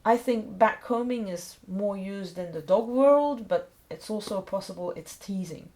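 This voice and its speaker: Speaking at a measured pace in a mellow, mid-range voice, a middle-aged Belgian woman narrates a grooming demonstration. She's a dog groomer and non-native English speaker, explaining each step informally in plain phrases.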